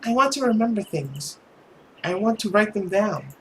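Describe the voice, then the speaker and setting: A reader playing a wistful, high-voiced young friend. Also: very animated, normal speed, fairly bright tone, a little hiss or hum, low-quality recording. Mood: earnest, adoring. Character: earnest, dreamy young friend longing to write.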